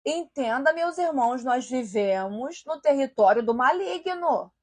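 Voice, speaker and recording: Woman preacher, high husky voice, earnest exhortation. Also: expressive, unhurried. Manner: earnest, slips into softly spoken sample prayers. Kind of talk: sermon-style video exhortation.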